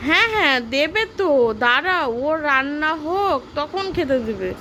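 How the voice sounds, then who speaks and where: A woman's voice: sits high, animated, moderate pace, noisy background. A woman chatting playfully with a small child as a playmate, coaxing and repeating her questions. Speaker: adult playmate hosting a child's video.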